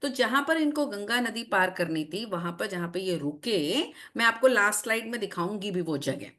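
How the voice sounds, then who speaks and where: Lively woman telling a story to a class. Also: medium pitch, moderate pace. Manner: lively, checks in often with the class. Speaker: online class teacher. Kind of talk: storytelling lesson to children on a video call. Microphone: video call.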